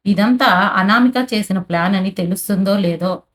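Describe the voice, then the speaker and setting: A woman hosting a channel, narrating a recap of a TV serial episode in a plain, steady storytelling way with habitual filler phrases. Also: mid-range voice, normal speed.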